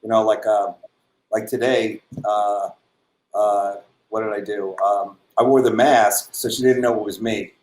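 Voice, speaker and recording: A man, a comedian trading jokes and chuckling often in casual banter. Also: unhurried. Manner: joking, chuckles often, lively pitch. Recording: echoey room with faint noise.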